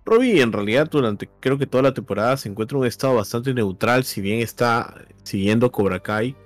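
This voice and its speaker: A man's voice: medium pitch, lively intonation, fairly quick, faint music behind. A man in a casual chat who talks in a hesitant way, with many fillers.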